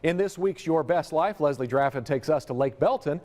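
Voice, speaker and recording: A man's voice: fairly high pitch, fairly quick, a little mellow. A man presenting TV news as an anchor.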